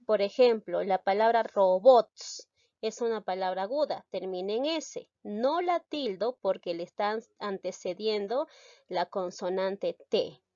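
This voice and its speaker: A woman's voice: mid-range voice, darkish tone, no room sound. Methodical woman teaching a grammar lesson. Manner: methodical, step-by-step explaining with rhetorical questions. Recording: dry, slightly dull recording.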